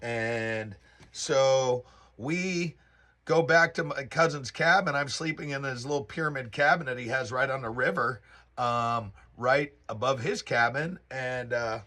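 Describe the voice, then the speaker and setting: A man telling a personal spiritual story in a halting, rambling way with many restarts. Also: medium pitch, sharp tone.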